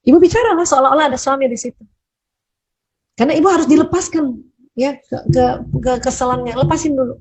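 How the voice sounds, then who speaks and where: In a gentle, conversational advice talk, a woman speaker answers audience questions, often repeating words and tacking on little tag words. Her voice is high and she speaks fast.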